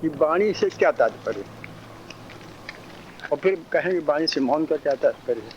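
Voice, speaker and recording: Male spiritual teacher, high voice, repetitive teaching cadence with frequent chuckles; muffled lo-fi recording. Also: lively intonation. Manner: chuckling often, drawn-out teaching cadence, repeats phrases. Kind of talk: spiritual discourse. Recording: dull lo-fi recording, faint noise.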